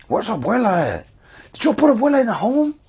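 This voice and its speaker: A man's voice: high-pitched, huge pitch swings, a little fast, darkish tone, muffled recording. A man giving casual, joking gameplay commentary, swearing freely. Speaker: let's play commentator.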